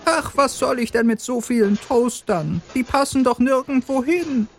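A man voicing a kindly, good-natured old grandmother in an audiobook, speaking slowly and softly. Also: very high-pitched, creaky, a little hiss or hum, voice pushed up. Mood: gentle. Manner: slow, soft, good-natured.

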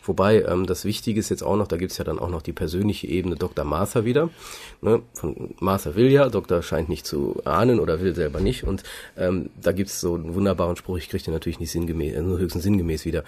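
A man with a low, husky voice weighs in on a TV episode in casual chat. He teases his co-host and argues his own reading calmly. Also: fast. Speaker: podcast co-host.

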